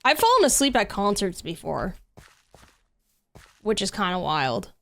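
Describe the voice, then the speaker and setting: A woman's voice: medium pitch, sing-song, a little slow, vocal fry, a bit bright. A woman streaming a game from home, chatting casually with viewers in a rambling way, full of "like" and "literally". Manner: chatty, rambling, lots of 'like' and 'literally'. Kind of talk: casual livestream chat while gaming. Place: home room.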